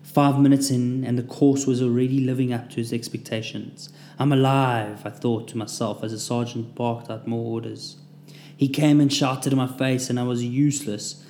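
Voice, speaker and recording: A man's voice: mid-range voice, level tone, normal speed, warm tone, slight background noise. A man narrating his own war memoir in a vivid, dramatic storytelling manner. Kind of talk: scripted first-person memoir narration. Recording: roomy echo.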